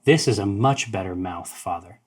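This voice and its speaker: A man voicing a young male tentacle familiar from a tabletop game, who speaks in a slow, formal, ominous way. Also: on the low side, pitched below the performer's own voice, close to an everyday voice.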